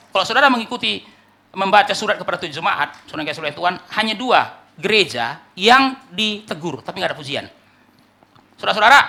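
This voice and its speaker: A male pastor preaching a sermon emphatically, rising to loud climaxes and dropping to low asides. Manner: repeats "saudara yang dikasihi oleh Tuhan" as a refrain.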